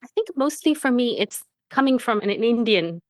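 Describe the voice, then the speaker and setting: A woman from Tanzania, a coach, talking as a guest on a podcast, warm and quick to laugh. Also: fairly high pitch, animated, no room sound, studio quality. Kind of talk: podcast interview.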